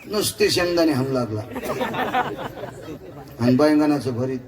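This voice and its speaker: A man's voice: medium pitch, a little slow. A man, telling funny stories in a devotional kirtan sermon, chuckling as he goes. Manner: joking, chuckling storyteller. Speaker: kirtan preacher. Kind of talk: humorous devotional sermon storytelling. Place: live gathering. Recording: distant mic with crowd noise.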